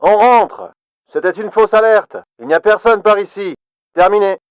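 A brisk train guard in a video game, calling in over his helmet radio. The voice sits high and comes across smooth and crisp, with short clipped radio phrases and a dry, close sound. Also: no room sound. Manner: clipped radio procedure talk. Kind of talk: video game cutscene dub.

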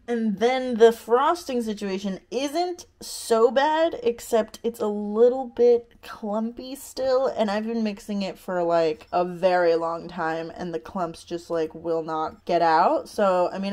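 A woman's voice: medium pitch, a little mellow. Young woman, casual home vlogger, rambling and self-deprecating, laughs a lot. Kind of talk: casual vlog chat.

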